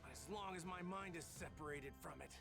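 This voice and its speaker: A man's voice: on the high side, brisk, creaky, music in the background. A man voicing an earnest, emphatic martial arts hero in an anime game. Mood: determined. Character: earnest heroic martial artist rallying his allies.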